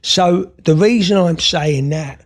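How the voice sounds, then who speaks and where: Speaking slowly in a fairly high-pitched voice, this Scottish therapist and author is a podcast guest. The conversational interview finds him talking openly and at length, often restarting and using fillers.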